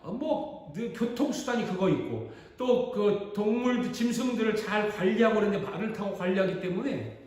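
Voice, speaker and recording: A man's voice: high voice, moderate pace. A man, a pastor, telling a story dramatically during a sermon in a church sanctuary. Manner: animated, dramatic retelling. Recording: echoey church hall.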